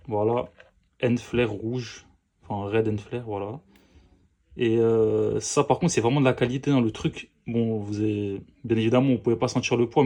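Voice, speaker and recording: A man's voice: medium pitch, slight background noise. A man casually presenting fireworks he is unboxing, hesitant, with many fillers and self-corrections.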